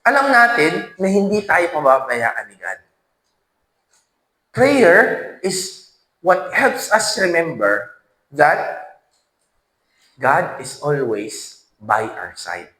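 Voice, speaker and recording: A man's voice: on the high side, very slow, long pauses, reverberant, rough recording. A man giving a church teaching talk, telling stories and often asking the audience questions. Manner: animated storytelling with frequent questions to the audience. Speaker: speaker at a faith formation session.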